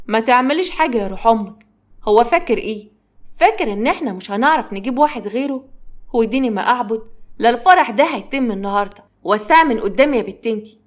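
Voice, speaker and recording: A scheming, spiteful Egyptian mother, as a woman narrator puts her on, scolding in a sharp, rapid Egyptian accent. She talks at a brisk clip in a middle voice, bossing and gossiping for a spoken story. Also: mid-range voice, lightly acted. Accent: Egyptian Arabic.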